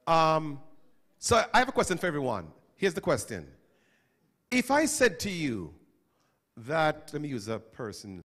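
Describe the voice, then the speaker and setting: Speaking into a handheld mic at a school chapel, this middle-aged man has a fairly high pitch and an unhurried delivery marked by long pauses. He's animated as he questions the students and calls on them by turn.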